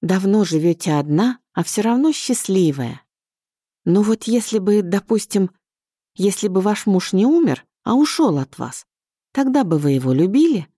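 A stubborn young woman in an audiobook, arguing in a bright, bouncy way, as a woman reads her. The lines jump up in pitch and stay lively. The reading is close and dry. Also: normal speed, dry recording, lightly acted. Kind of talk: audiobook character voice.

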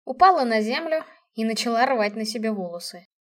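A woman reads a first-person story aloud with lively expression. Her voice sits fairly high. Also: a little fast. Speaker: audiobook narrator.

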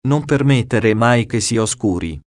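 A man voicing the calm ghost of a young woman in a read-aloud story, speaking slowly and solemnly. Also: medium pitch, no echo, studio quality, lightly acted. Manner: slow, quiet and solemn.

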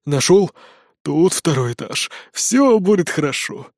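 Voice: medium pitch, sing-song, a little slow, a little mellow, dry recording. A reader voicing a panicky, boastful young man who stammers and pleads in a dry-sounding storybook reading. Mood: flustered. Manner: flustered, pleading.

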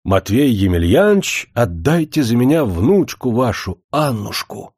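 A man's voice: mid-range voice, big pitch swings, measured pace, a little mellow, breathy edge, no echo, clean studio sound. A man playing an earnest lovestruck young man. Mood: pleading. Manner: eager, pleading, raised voice.

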